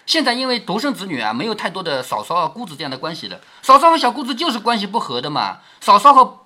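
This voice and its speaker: Bright, husky-voiced man explaining a story. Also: high voice, big pitch swings, quick pace. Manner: explanatory, asks rhetorical questions. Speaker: narrator and commentator reading a classic novel. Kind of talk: storytelling with commentary.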